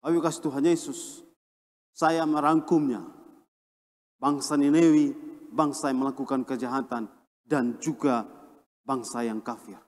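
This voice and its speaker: A man from Indonesia, a pastor, preaching a sermon with emphatic swings between a raised and a lowered voice. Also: steady tone, unhurried, long pauses, a little mellow, big-room sound. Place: church.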